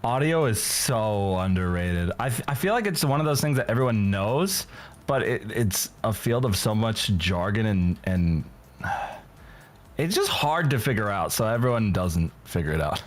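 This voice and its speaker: A man from California, a guest talking in a measured, explanatory way in a casual chat. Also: lowish voice, sing-song. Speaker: guest, audio engineer.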